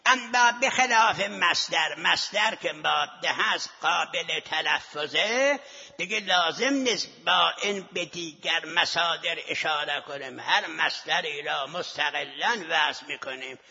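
A man's voice: on the high side, creaky, pushed and bright, slightly rough. A man teaching seminary students in a scholarly lecture, arguing his point and posing rhetorical questions to the class. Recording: lo-fi recording with long hall reverb.

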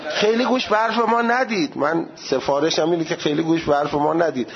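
A man teaching the rules of prayer recitation, reciting Arabic examples with drawn-out vowels and jumping up in pitch to stress his points. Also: vocal fry. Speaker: religious teacher. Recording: dull lo-fi recording.

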